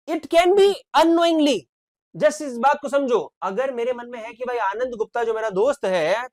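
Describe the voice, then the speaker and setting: A young man from India who teaches an online exam-prep lecture, talking with lively emphasis and mixing in English. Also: high voice. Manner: animated, emphatic, switches between Hindi and English.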